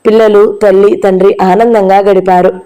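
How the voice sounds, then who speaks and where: A woman's voice: mid-range voice, little pitch movement, moderate pace, mellow, smooth, low-quality recording. A woman narrating a novel as an audiobook, reading all the dialogue in her own voice. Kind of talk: reading a novel aloud, voicing all characters.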